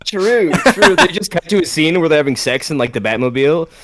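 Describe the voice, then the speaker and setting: A man co-hosting a podcast, talking in an excited, rambling way and laughing often. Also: fairly high pitch, brisk. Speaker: podcast co-host. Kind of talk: casual podcast chat.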